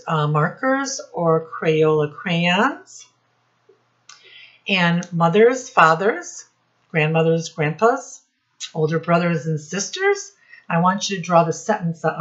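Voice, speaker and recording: The recording is muffled as an American children's teacher and read-aloud host, low in voice, gives a slow, animated storytime lesson in her home office classroom. She speaks directly to young listeners, teaching and asking them questions.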